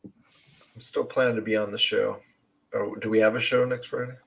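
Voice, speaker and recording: A man's voice: fairly low pitch, level tone, normal speed, creaky, poor audio. A man in his forties co-hosting a casual podcast, laid-back with blunt quips. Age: 40s. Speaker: podcast co-host. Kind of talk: casual chat.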